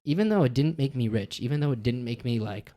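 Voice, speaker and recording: A man's voice: mid-range voice, expressive, fast, mellow. A man co-hosting a podcast in casual chat, laid-back and slangy, rambling with lots of fillers. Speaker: podcast co-host.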